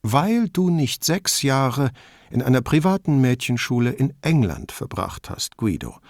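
A man voicing a cultured, quick-witted wife in an audiobook, speaking in a lightly teasing, assured way. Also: medium pitch, sing-song, vocal fry, darkish tone, no room sound, studio quality.

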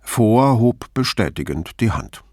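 A man reading a novel aloud in a measured, even way as an audiobook narrator. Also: lowish voice, no echo, studio quality. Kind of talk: scripted narration.

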